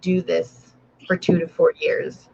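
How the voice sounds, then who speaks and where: A woman's voice: fairly low pitch, completely flat delivery, slow, gravelly, darkish tone, slightly rough, dull audio. A woman author hosting a casual writing stream from home, chatting and rambling with restarts and talking to her dog. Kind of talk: casual chat.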